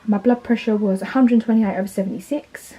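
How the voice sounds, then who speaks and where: A heavily pregnant woman in her thirties from England, with an Essex accent, chats casually in a vlog, sounding tired as she rambles with fillers and restarts. Her mid-range voice is steady, dark in tone and a little fast, and the recording is rough.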